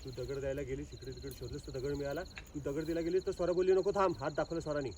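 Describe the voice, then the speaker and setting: A man with a Marathi accent directs a child actor on a rural film shoot and narrates every action she should make. His voice sits on the higher side. Insects and outdoor noise come through clearly behind him. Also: fairly even intonation, fast talker, a little mellow, recorded from a distance. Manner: coaching, talks through each action and line.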